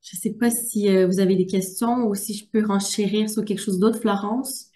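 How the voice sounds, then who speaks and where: A young woman from Quebec with a Québécois French accent, giving a personal testimony as a student guest in a webinar, halting with many filler sounds. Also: mid-range voice, steady tone, warm tone. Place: primary school workplace, some noise.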